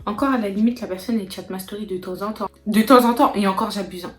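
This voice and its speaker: A young woman with a French accent answering viewer questions in a casual vlog, emphatic and animated, repeating words for emphasis. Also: mid-range voice, fast, roomy sound. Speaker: vlogger.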